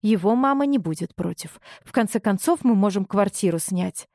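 A woman's voice: mid-range voice, lively intonation, normal speed, mellow, dry recording, studio quality, lightly acted. A woman voicing a grown daughter who firmly and earnestly stands up to her mother. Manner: earnest, firm, pleading. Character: grown daughter, young woman, newly defiant.

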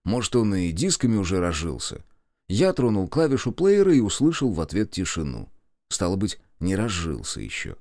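A man tells a first-person story with wry, ironic humor. His low voice moves through a lively melodic range, and the close studio recording is completely dry. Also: normal speed, dry recording. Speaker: audiobook narrator.

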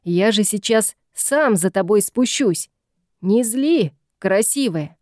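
A woman's voice: medium pitch, expressive, slow, darkish tone, dry recording, clean studio sound. A woman doing an impatient, barking troll guard. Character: fanged, fierce male troll guard.

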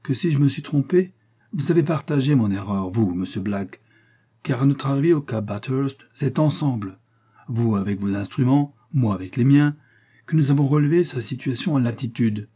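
A man voicing a calm, steady middle-aged male lieutenant in an audiobook, speaking in a tranquil, measured way. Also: mid-range voice, breathy edge, pitched above the performer's own voice.

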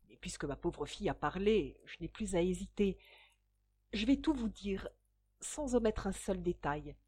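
A woman's voice: medium pitch, animated, moderate pace, dark tone, slightly rough. A woman reader voicing an agitated middle-aged landlady who pleads emotionally for her son. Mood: resigned.

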